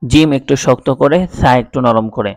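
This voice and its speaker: A man teaching Quran reading in a slow, step-by-step lesson, drilling each letter and vowel sound one at a time. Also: medium pitch, darkish tone, no echo.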